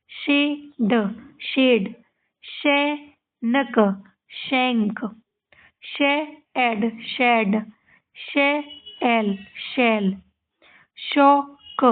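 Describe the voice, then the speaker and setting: A woman teaching English phonics to children, sounding words out letter by letter, repeating each one, and often checking in with the class. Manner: often ends with a high-pitched tag question to the children. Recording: tinny, phone-like audio.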